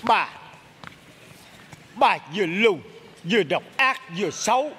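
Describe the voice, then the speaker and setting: Theatrical exorcist master, very high voice, bright, reverberant stage hall. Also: male voice, expressive, takes it slowly, a little hiss or hum, exaggerated voice. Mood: scolding. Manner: scolding, theatrical. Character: bumbling middle-aged male exorcist master. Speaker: spirit medium in a stage comedy sketch.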